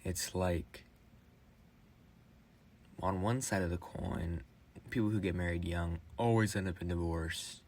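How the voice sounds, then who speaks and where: A young man in his late teens speaks a rambling personal monologue into a phone voice memo. His talk is halting, with restarts and fillers. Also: low voice, darkish tone, a little hiss or hum. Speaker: vlogger.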